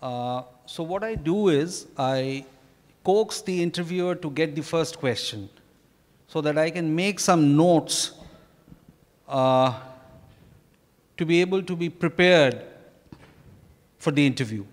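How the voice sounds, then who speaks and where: On a hotel ballroom stage, a middle-aged male author with an Indian accent reads prepared remarks during an interview, holding a handheld mic. His slightly high voice comes slow, deliberate, and halting, and the echoey room adds long reverb.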